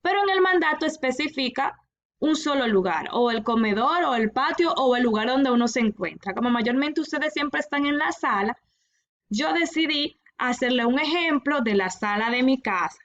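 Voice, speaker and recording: A woman teacher explaining a lesson to children in a recorded class, patient and repeating each instruction clearly. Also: high-pitched, lively intonation, moderate pace, a bit bright, dull audio. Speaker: primary school teacher.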